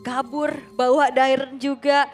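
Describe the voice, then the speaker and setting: High-voiced Indonesian woman casting esports. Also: little pitch movement, unhurried. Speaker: esports caster. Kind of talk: live esports match commentary. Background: music.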